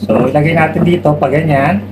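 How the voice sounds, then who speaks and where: High-voiced Filipino man in his workshop. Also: quick pace. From Philippines. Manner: relaxed, explaining while testing a tool. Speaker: woodworking vlogger. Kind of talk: casual demo talk mixing Tagalog and English. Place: home woodworking workshop, indoors. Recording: loud workshop noise behind.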